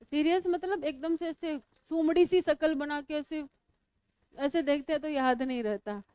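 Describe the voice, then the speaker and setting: A woman's voice: high-pitched, normal speed, a little mellow, no echo. A woman teaching biology to a class, asking students questions and teasing them as she explains. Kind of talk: classroom lecture.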